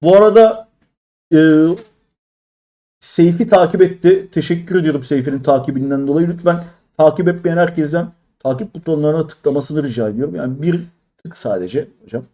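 A man in his thirties from Turkey, streaming a mobile game and complaining in exasperation as he opens crates, jumping between loud high outbursts and low mutters. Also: fairly quick. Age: 30s. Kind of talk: live-stream crate-opening commentary.

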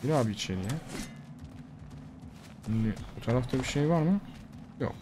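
A man giving casual let's-play commentary, swearing, talking back to the game and bursting out loudly. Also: medium pitch, expressive, normal speed, background noise. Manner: swearing, talks back to the game, loud outbursts. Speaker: gamer streamer. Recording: loud game music behind.

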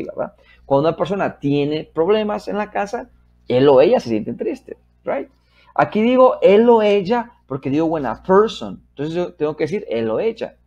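Man, English teacher, husky slightly high voice, slow drilled phrases, dull lo-fi sound. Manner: drills phrases slowly, then explains in Spanish with frequent "¿verdad?" checks; models English sentences slowly and loudly, then softly. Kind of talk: step-by-step English lesson.

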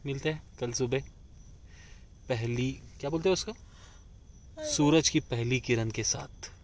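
A man's voice: mid-range voice, unhurried, a little hiss or hum, low-quality recording. A man in his thirties talking casually as a travel vlogger, holding the camera at arm's length outdoors on a hilltop. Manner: chatty, excited while describing views. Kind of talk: casual vlog talk mixing Hindi and English. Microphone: camera held at arm's length.

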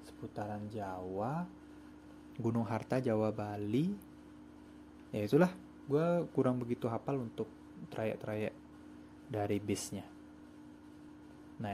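A man's voice: on the low side, noisy background. A young man chatting casually in slang while he plays a bus driving game, hosting his own gaming channel.

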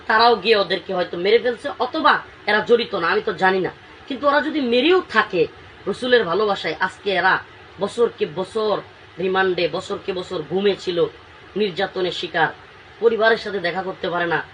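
A man speaking as a cleric gives an impassioned interview, emotional and pleading, breaking into emphatic outbursts. His voice is high and a bit bright, picked up by a distant mic with faint background noise.

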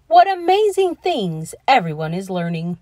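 A woman's voice: medium pitch, big pitch swings, mellow, no echo, clean studio sound, lightly acted. A woman voicing a proud, exuberant male school principal from a children's storybook, effusive and emphatic. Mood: proud, delighted. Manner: emphatic, effusive, drawn-out stresses. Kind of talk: children's storybook character reading.

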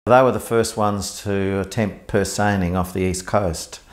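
Low-voiced man recounting fishing history. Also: fairly even intonation. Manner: informal, halting with fillers. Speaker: interviewee. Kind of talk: oral history recollection.

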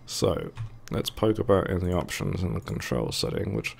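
Low, creaky man with a sore throat. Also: big pitch swings, normal speed. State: sore throat from a virus, thick congested voice. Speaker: gaming video host. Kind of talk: casual let's play commentary.

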